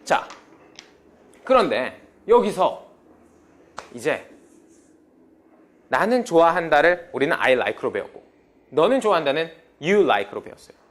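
A man's voice: fairly high pitch, big pitch swings, slow, pauses often. A man teaching a beginner English class, prompting students and drilling phrases. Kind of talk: lively classroom lecture.

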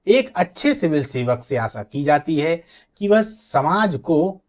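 A man's voice: on the high side, animated, slow. A man teaching an exam coaching class. He explains points through worked examples, stresses key words and checks in with his students.

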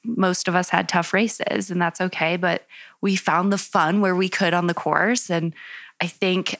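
A woman's voice: fairly low pitch, a bit bright, dry recording, clean studio sound. A woman who coaches runners, speaking as a guest in an upbeat, enthusiastic casual chat. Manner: upbeat, enthusiastic, says "like" often.

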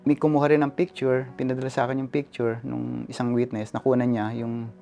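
A male photojournalist giving an animated personal account in an interview, switching between languages and often adding "no?" tags. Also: medium pitch, brisk, gravelly, soft background music. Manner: animated retelling, code-switching, frequent "no?" tags.

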